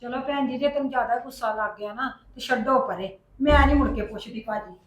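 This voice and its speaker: A high, fast-talking aunt played by a woman in a family drama. She coaxes and defends herself, piling words together. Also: slight background noise, natural voice. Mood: subdued. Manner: coaxing, defensive. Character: pushy but placating aunt from the village. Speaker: visiting sister-in-law Rano. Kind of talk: home-made family drama acting.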